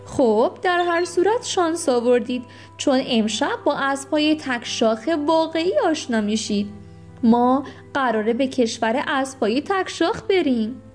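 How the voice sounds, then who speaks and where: A woman's voice: high voice, lively intonation, soft background music. A woman voicing a kindly winged storybook creature who patiently explains things to children.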